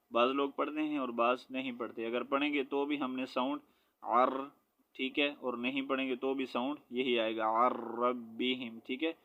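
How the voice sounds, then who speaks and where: A man teaching Quran reading, spelling each word letter by letter and then reciting it slowly, with a Pakistani Urdu accent. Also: mid-range voice, smooth, muffled recording. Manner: slow syllable-by-syllable spelling, then drawn-out recitation.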